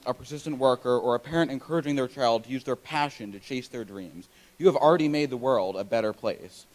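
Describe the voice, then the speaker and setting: A teenage boy gives a prepared closing speech at a school assembly. He speaks into a microphone with an earnest, recited delivery. His voice sits at an ordinary middle pitch. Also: low-quality recording. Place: school gym or auditorium. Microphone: handheld microphone.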